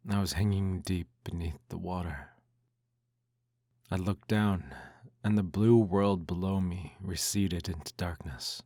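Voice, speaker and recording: A man in an ASMR role-play reads a bedtime story aloud in a soft, intimate, hushed voice that slips into speaks softly. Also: low voice, unhurried, dry recording, clean studio sound.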